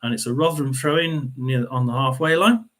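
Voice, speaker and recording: A middle-aged man hosting a football watchalong, chatting casually with many fillers and frequent throat clearing. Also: medium pitch, brisk, a bit bright. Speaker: watchalong host. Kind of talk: casual live football commentary.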